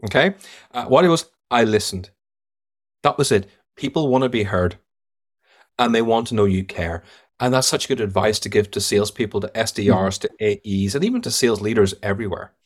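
An Irish man on the low side, speaking briskly, appears as a guest sales trainer in a podcast interview. He's emphatic in his storytelling and blunt in his verdicts.

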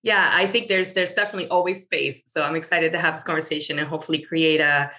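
An eager woman from Venezuela talks through a podcast interview, her tone crisp and forceful. She leans on little fillers as she goes, and her voice sits a touch low. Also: steady tone, fast talker. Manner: eager, talkative, with frequent fillers. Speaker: guest, marketing storyteller.

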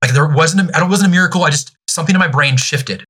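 A man in his thirties, a youth ministry director, speaking candidly as a podcast guest, pausing and restarting often. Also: fairly high pitch, fairly bright tone, breathy edge. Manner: halting, many restarts and fillers.

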